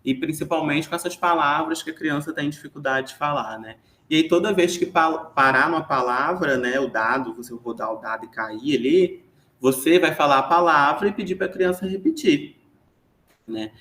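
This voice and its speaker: A man's voice: on the high side, lively intonation, normal speed, pushed and bright, echoey room. A man with a Brazilian Portuguese accent giving an explanatory online lesson, chatty and full of tag questions. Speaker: teacher giving an online class.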